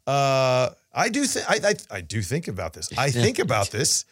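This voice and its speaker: Animated man, halting casual podcast chat. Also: medium pitch, no room sound, clean studio sound. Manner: halting restarts, animated, playful. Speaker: podcast co-host. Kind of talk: casual chat, reading news items.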